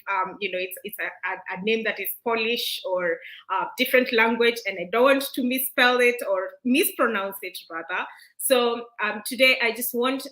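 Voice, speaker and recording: A woman's voice: a little high, pushed and bright, poor audio. A woman from Kenya hosting a live online interview, chatty and eager, with many fillers and restarts. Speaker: host.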